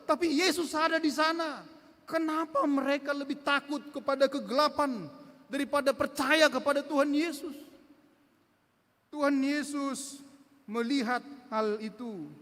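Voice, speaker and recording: A man's voice: very high voice, fairly bright tone. A middle-aged man preaching a sermon, telling stories and acting out the quoted lines, repeating words for emphasis. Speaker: pastor. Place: church sanctuary. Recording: long church reverb.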